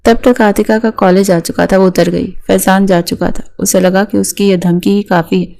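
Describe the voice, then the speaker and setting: Woman narrating a romance novel, mellow. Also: medium pitch, vocal fry. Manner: steady storytelling, voicing each character in turn. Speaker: audiobook narrator.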